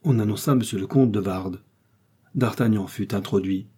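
A man reads a classic novel aloud at a steady, even pace. His voice sits low and sounds husky. The tone is dark and mellow. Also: normal speed. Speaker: audiobook narrator. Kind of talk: scripted narration.

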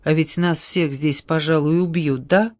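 A man's voice: on the high side, fairly even intonation, a little slow, no room sound, natural voice. A man reading an audiobook, voicing a desperate, tearful young woman in a raised, pleading voice. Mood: quiet.

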